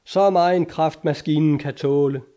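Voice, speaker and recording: A man's voice: mid-range voice, fairly even intonation, dark tone, close to an everyday voice. A man doing a barking ship captain. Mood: commanding. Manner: barking short orders. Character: commanding ship captain giving orders.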